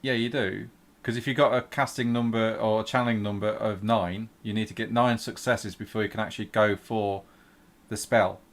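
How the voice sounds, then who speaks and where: A man's voice: fairly low pitch, fairly even intonation, normal speed. A man acting as game master, casually explaining rules and narrating a tabletop game.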